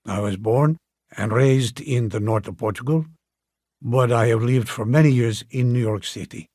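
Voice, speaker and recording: A man reading a courteous Portuguese gentleman. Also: mid-range voice, moderate pace, no echo, clean studio sound, close to an everyday voice. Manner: formal and polite. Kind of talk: audiobook dialogue reading.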